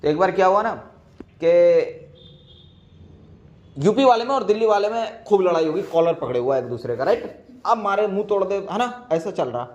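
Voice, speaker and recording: A man's voice: sits high, expressive, moderate pace, pauses often, a little mellow. A man from Bihar with a Bihari accent, teaching a class in chatty, joking style, telling stories and checking that students follow. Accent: Bihari Hindi. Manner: joking, storytelling, asks students if they follow. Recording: muffled lo-fi recording.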